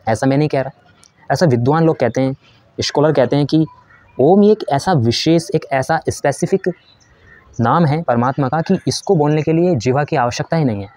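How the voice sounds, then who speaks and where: A man's voice: a little high, moderate pace, mellow, no echo. A man giving a patient spiritual lesson. He explains step by step, asks questions and answers them himself, and shows how to chant. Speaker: spiritual teacher.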